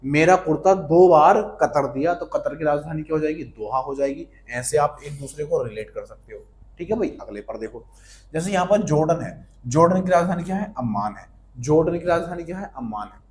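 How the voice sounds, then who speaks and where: Playful teacher quizzing himself aloud. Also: male voice, a little high, darkish tone. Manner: playful, asks and answers his own questions. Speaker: exam coaching teacher. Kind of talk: online lesson with memory tricks.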